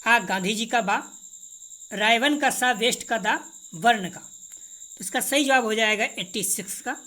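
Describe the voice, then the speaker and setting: A woman's voice: fairly high pitch, a little slow, pushed and bright. A woman teacher reads exam multiple-choice questions and answers, repeating each correct answer and informally to her students. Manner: informal, addresses students directly.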